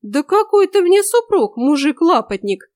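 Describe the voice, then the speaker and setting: A woman's voice: high voice, very animated, moderate pace, no room sound, studio quality, voice pushed up. A woman doing a haughty, capricious young maiden.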